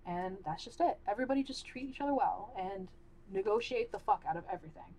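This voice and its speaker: A woman's voice: medium pitch, animated, fast talker, a little mellow, a little hiss or hum, rough recording. A young woman hosting her own podcast in a casual, candid way, rambling with many fillers and restarts, and her voice is starting to wear out. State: losing her voice. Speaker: podcast host. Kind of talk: casual solo podcast talk.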